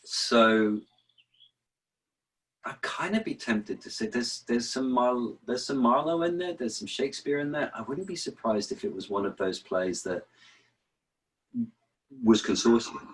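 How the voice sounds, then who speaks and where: A man's voice: mid-range voice, animated, measured pace, long pauses, breathy edge, rough recording. A man answering as an interview guest, explaining verse rhythm, often restarting and repeating words as he thinks. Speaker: interview guest, actor and author.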